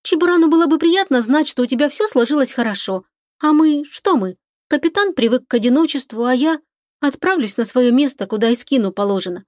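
A woman's voice: high voice, lively intonation, a little fast, a little mellow, no room sound, clean studio sound, pitched above the performer's own voice. A woman voicing a tearful young female ship AI in a body, speaking in a pleading way. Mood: sad, resigned.

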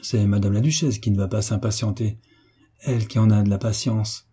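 Man putting on a brusque impatient lackey, husky, pitched up, audiobook. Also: fairly even intonation, fairly quick, mellow. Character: impatient giant male lackey.

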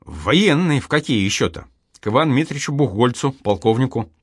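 A man voicing an impulsive teenage boy who talks with excited urgency in an audiobook reading. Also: mid-range voice, a little fast, husky, no room sound, studio quality. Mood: eager. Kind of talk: audiobook character voice.

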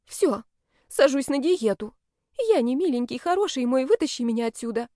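A woman's voice: lively intonation, normal speed, dark tone, no room sound, studio quality. A woman voicing a jittery, stubborn young witch girl with a whiny, cheeky way of talking. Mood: pleading. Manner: whiny, cheeky, high-strung.

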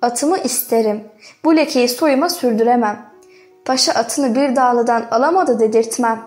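A woman's voice: a little high, normal speed, darkish tone, faint music behind, natural voice. A woman voicing a haughty, mocking Ottoman pasha with a commanding, scornful delivery, in a storybook reading. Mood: indignant.

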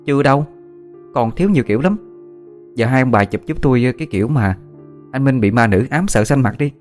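A wheedling, teasing young woman student with a high, sing-song voice, as a male narrator puts her on. She is pushy and cheeky, and faint music sits under the audiobook reading. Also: animated, a little fast, a little mellow, lightly acted. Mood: eager. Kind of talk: audiobook character voice.

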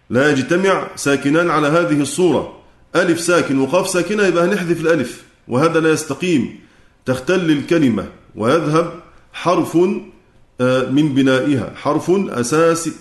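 A man with an Egyptian Arabic accent teaches a recitation class in a fairly high voice. He explains each rule step by step and stretches out the verse lines as he chants them. His voice rings with the echo of a roomy hall. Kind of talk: lecture explaining a classical poem.

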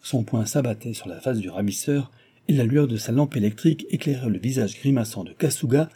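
A man reading a novel aloud in measured, even narration. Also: medium pitch, breathy edge. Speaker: audiobook reader.

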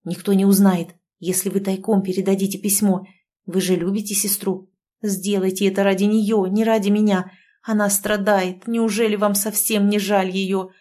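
A woman's voice: mid-range voice, little pitch movement, moderate pace, mellow, natural voice. A woman reading the part of a brooding young male officer who pleads urgently.

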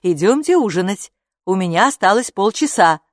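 A woman's voice: medium pitch, animated, normal speed, a little mellow, no room sound, studio quality, natural voice. A woman reading aloud, voicing a tired, sad mother who sighs in a children's audiobook. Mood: weary. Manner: weary, sighing.

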